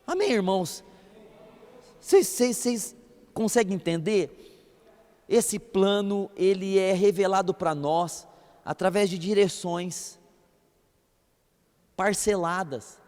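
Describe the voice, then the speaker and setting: A man preaching a sermon as a pastor, telling stories in an animated way and acting out voices. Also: sits high, slow, long pauses, big-room sound. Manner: animated storytelling, acts out voices and laughs.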